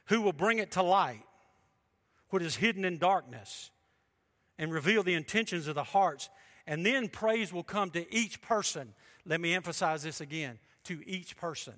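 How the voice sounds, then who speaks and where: A male pastor preaching a sermon, emphatic and shifting between loud and hushed delivery. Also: fairly high pitch.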